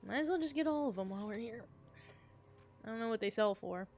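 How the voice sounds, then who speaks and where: Playful woman streamer with a highish voice. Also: animated, fast, darkish tone, faint music behind. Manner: playful, chatty. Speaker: game streamer. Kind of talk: casual gameplay commentary.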